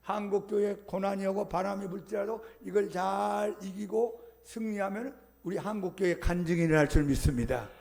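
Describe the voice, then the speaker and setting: A man's voice: high-pitched, creaky, darkish tone. A male pastor delivering a Sunday sermon, urging his congregation with emphatic, repeated calls. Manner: emphatic, repetitive exhortation with rising calls.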